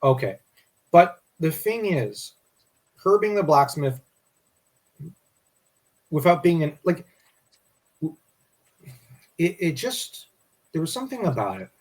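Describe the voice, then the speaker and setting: A man's voice: fairly high pitch, very animated, slow pace, long pauses. A man co-hosting a casual history discussion, rambling and restarting his sentences. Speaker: podcast co-host.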